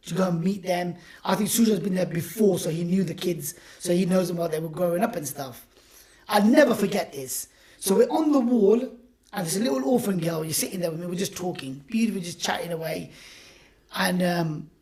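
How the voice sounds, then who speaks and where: A man, an aid worker telling stories in an interview, animated and heartfelt. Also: high-pitched, a little fast. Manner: animated, heartfelt, repeats himself. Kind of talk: emotional storytelling.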